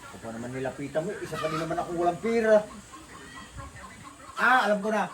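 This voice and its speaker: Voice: medium pitch, lively intonation, fast, far from the mic, natural voice. A performer playing a scolding neighbor who lectures gamblers and then plots to get money, in a comedy skit. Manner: scolding, conspiratorial. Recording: noisy outdoor take.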